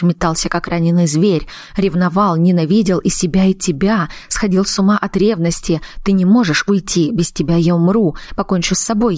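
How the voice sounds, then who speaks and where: A woman voicing a jealous, violent young husband who speaks slowly and coldly. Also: lowish voice, darkish tone, dry recording, studio quality, lightly acted. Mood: pleading. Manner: slow, cold and threatening.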